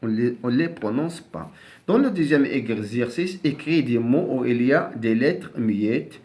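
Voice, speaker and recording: Male teacher, slow and deliberate, repeats and spells words, hesitant restarts. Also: medium pitch, animated, darkish tone. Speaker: French teacher. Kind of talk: classroom lesson on silent letters.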